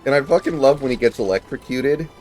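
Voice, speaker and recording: A man's voice: medium pitch, quick pace, a little mellow, soft background music. A man streaming a video game, chatting casually in an analytical, rambling way with some swearing. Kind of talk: casual chat over gameplay.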